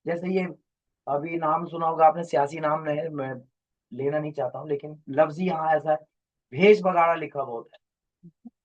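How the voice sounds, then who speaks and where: A man lectures a class, his voice sitting a little high. He explains at length, drifts from point to point and fires questions at his students. The classroom recording sounds muffled and lo-fi. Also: little pitch movement, normal speed. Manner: rambling, explanatory, quizzes students. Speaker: teacher.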